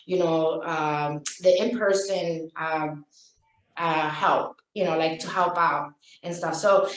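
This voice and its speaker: Her lowish voice has a bit of brightness as she co-hosts a podcast, spinning a story in easygoing chat and performing the quoted lines. The recording is echoey, with her sitting distant from the mic.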